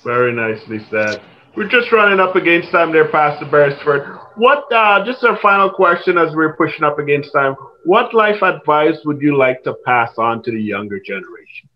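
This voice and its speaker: A man's voice: on the high side, sing-song, moderate pace, slight background noise. Male interview host, courteous, affirming, slightly muffled lo-fi recording. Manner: polite, encouraging, brief affirmations. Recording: dull, lo-fi sound.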